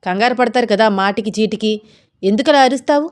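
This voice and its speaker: A woman's voice: fairly high pitch, brisk, natural voice. A woman voicing a playful, amorous young husband who teases his wife. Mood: mock scolding. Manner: coaxing, teasing.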